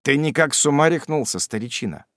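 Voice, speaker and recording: A man's voice: on the high side, expressive, fast talker, a bit bright, no room sound, clean studio sound. A man doing cheeky young Sam Weller. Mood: teasing.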